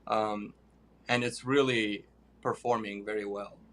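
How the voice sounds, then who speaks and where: Hesitant low-voiced male pianist. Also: fairly even intonation, unhurried, fairly bright tone. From Iraq. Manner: hesitant, many fillers. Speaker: guest pianist. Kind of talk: interview answers.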